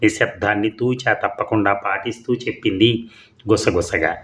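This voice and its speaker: A man narrating a humorous story in a relaxed, storybook style with playful asides. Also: lowish voice, normal speed.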